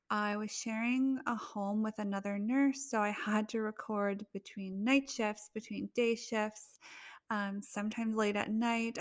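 Slow, gushing woman podcast host. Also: mid-range voice, no echo, clean studio sound. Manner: gushing and emotional, with soft laughs and fillers. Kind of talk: casual heartfelt monologue.

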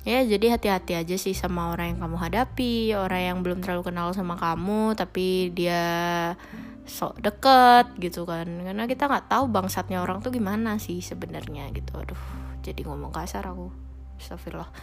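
A woman's voice: lowish voice, a little fast, soft background music. A young woman hosting her own podcast, talking casually and frankly in slangy speech, with English phrases dropped in. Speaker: podcast host. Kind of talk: casual solo podcast talk.

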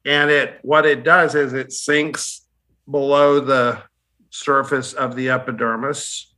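Casting: chatty skincare specialist, male, bright tone, rambling restarts. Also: medium pitch, level tone, takes it slowly. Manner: rambling, self-correcting, chatty. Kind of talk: casual panel chat.

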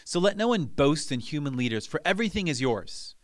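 A man's voice: fairly high pitch, very animated, fairly quick. Earnest male pastor preaching. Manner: earnest, repeats phrases for emphasis. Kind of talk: sermon.

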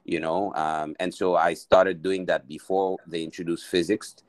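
A man's voice: deep voice, flat delivery, normal speed, no room sound. A man from Mali, a guest entrepreneur, answering interview questions hesitantly with many restarts.

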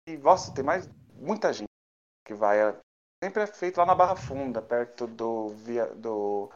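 Casual male talker, São Paulo Brazilian Portuguese accent, mid-pitched, enthusiastic and slangy, on slightly dull lo-fi audio. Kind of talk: casual chat.

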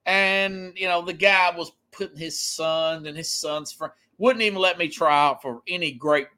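A sports talk show host in his forties gives casual, emphatic opinions and tells anecdotes conversationally. His voice is fairly high and sharp, at normal speed.

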